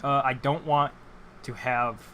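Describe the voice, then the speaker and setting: A man's voice: medium pitch, steady tone, measured pace, a bit bright, slight background noise, close to an everyday voice. A man voicing a reluctant, whiny dad character in a game read-aloud, with a fan running.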